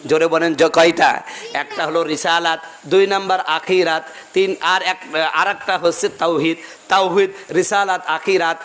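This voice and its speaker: High-voiced impassioned male preacher. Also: fairly even intonation, normal speed, fairly bright tone. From Bangladesh. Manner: impassioned, calls on the crowd to respond aloud. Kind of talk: Bengali waz sermon.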